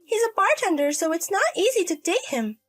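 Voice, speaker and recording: In a narrated drama story, a woman voices a selfish, irresponsible young single mother, sounding wheedling, petulant, airy and defensive. Her extremely high voice is pitched above her natural one and delivered very animated and a little fast.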